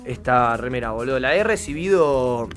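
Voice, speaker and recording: A man with a Rioplatense accent hosting a radio show from the studio, loud and excitable, swearing casually. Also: mid-range voice, moderate pace, clear, resonant tone, faint music behind. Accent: Rioplatense Spanish. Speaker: radio host.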